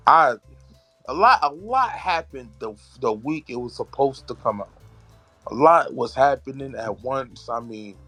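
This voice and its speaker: A man's voice: medium pitch, bright, forceful tone, no room sound. A man being interviewed about his writing, earnest and often searching for words. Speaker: guest, author and poet. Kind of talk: casual interview chat.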